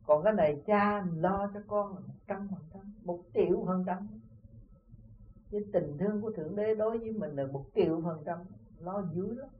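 High-voiced Southern Vietnamese teacher, tinny tape. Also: male voice, moderate pace, recorded from a distance, slight background noise. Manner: earnest, repeatedly asks "see?". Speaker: spiritual teacher. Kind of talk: informal dharma talk with parables.

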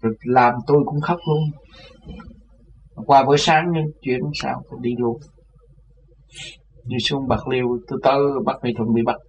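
A man's voice: medium pitch, normal speed, gravelly, long pauses. Man telling a story. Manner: animated, laughs often, voices others in his tale. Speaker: religious storyteller. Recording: lo-fi with faint background noise.

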